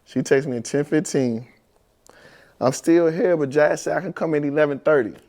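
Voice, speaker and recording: Brief: young St. man, high-pitched, animated storyteller on a podcast argument. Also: normal speed. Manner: animated storytelling, acting out quotes. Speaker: podcast co-host. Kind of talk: heated couple's podcast argument.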